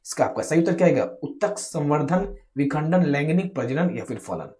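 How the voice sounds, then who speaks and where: A man's voice: on the high side, lively intonation, a little fast, warm tone. A man teaching exam science questions, asking rhetorical questions and answering them himself, addressing his viewers directly. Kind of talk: exam question walkthrough lesson.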